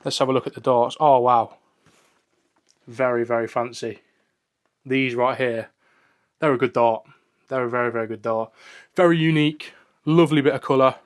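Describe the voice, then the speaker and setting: A man's voice: medium pitch, steady tone, moderate pace, long pauses. A man reviewing and unboxing darts in a casual, enthusiastic way, often repeating "very, very".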